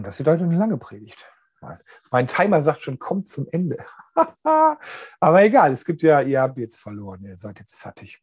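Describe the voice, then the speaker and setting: Husky, lively preacher. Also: male voice, high voice. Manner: chatty, joking, addresses listeners directly. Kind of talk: casual, humorous sermon.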